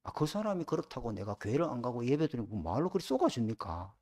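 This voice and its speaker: A man's voice: medium pitch, wildly swooping pitch, fast talker, a little mellow. A middle-aged man preaching a sermon as pastor, often asking the congregation rhetorical questions.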